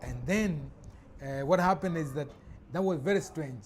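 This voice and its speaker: Halting man over noisy background. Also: fairly high pitch. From Tanzania. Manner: halting, many fillers and restarts. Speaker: vlogger. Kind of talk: casual spoken commentary.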